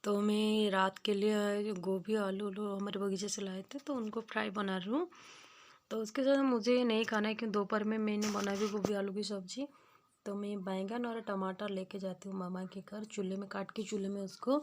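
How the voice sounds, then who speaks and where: A woman's voice: mid-range voice, little pitch movement, moderate pace, a little mellow. A young woman narrating a casual village vlog, homely and repetitive as she draws simple life lessons. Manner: homely, repeats points, moralizing. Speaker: village vlogger. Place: village home outdoors.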